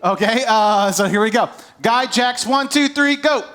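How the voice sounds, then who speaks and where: A male pastor preaching at a church service, energetic and playful, directing the congregation during an object lesson while wearing a microphone. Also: sits high, unhurried, noisy background. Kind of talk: sermon with a live object lesson.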